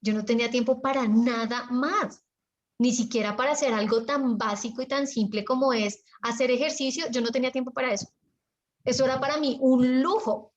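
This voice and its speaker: A Colombian woman leading an online business coaching session, talking in a lively way and acting out her examples with long pauses. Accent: Colombian Spanish. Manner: chatty and animated, acts out examples with pauses and lowered tone. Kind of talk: live video call coaching.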